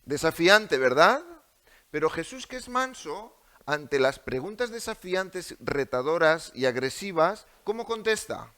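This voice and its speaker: A man's voice: on the high side, big pitch swings, a little slow, a bit bright. A male preacher with a Spanish accent delivering a sermon in a church, asking the congregation many rhetorical questions. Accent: Spain.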